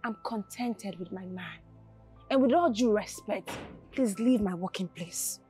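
A woman's voice: mid-range voice, mellow, faint music behind, lightly acted. An actress with a Nigerian English accent playing an angry, proud young woman who turns down a suitor in a film drama. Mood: annoyed, firm. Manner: indignant, rapid questioning.

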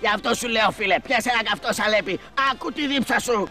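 A man playing a pushy beach vendor who hawks his goods in fast patter, in a comedy sketch. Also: sits high, sharp tone, soft background music.

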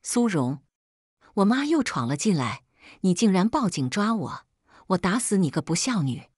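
A woman's voice: medium pitch, big pitch swings, normal speed, darkish tone, slightly rough, dry recording, clean studio sound. A woman voicing a scheming middle-aged mother who shrieks and bullies. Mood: scolding. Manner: shrieking, bullying.

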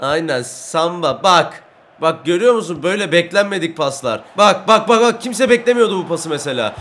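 A young man giving excited Let's Play commentary over a football video game, breaking into loud shouts and trash talk at the players. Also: sits high, moderate pace. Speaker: gaming YouTuber.

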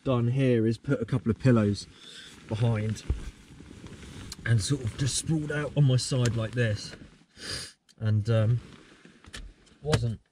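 A man's voice: medium pitch, steady tone, takes it slowly, pauses often. A young man chatting casually to camera from inside his car, rambling with many ums and restarts. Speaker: car vlogger. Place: inside a parked and moving car. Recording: distant mic with clear car noise.

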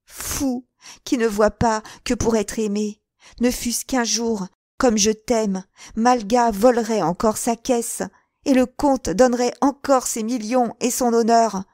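Storybook seductress, put on by a woman narrator: passionate, scheming, slow and dry. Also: a little high, darkish tone, dry recording. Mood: reproachful. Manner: passionate, feverish, rising to cries.

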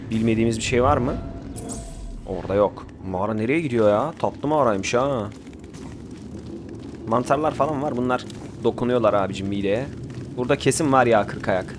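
A man's voice: lowish voice, noisy background. A young man giving casual commentary while he plays a survival game, chatting and ordering his group around, with sudden outbursts. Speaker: gameplay commentator. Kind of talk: casual Let's Play commentary.

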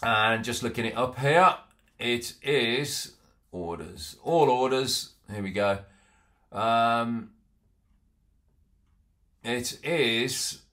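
Seated at a home office desk indoors, a middle-aged man who resells antiques talks loosely through his latest haul, full of ums and false starts. His medium-pitched voice sounds pushed and bright.

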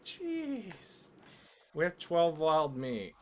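A man hosting a co-op game session, chatting casually and excitedly calling out to his friends. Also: a little high, very slow, slight background noise. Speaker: let's play host. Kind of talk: casual gaming chat with friends.

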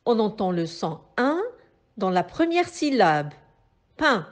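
A woman teacher with a Moroccan French accent giving a slow phonics lesson to young pupils, carefully articulating and repeating each sound. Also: medium pitch, sing-song. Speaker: primary school teacher.

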